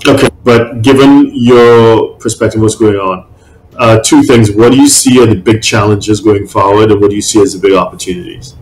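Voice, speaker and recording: A man's voice: on the low side, moderate pace, darkish tone. A man interviewing a guest in a casual way, asking open questions and giving frequent murmured agreement. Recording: roomy echo.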